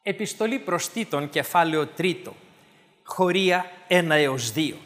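A man preaches a sermon in a high, lively voice that swings widely in pitch. He builds to emphatic, insistent bursts and then drops low. A long reverb trails behind him, as if he were in a large hall.

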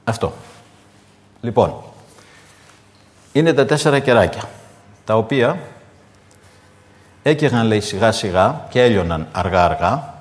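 A male preacher giving a sermon, moving between solemn scripture reading and animated, folksy storytelling with asides to his congregation. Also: lowish voice, pauses often, long reverb tail.

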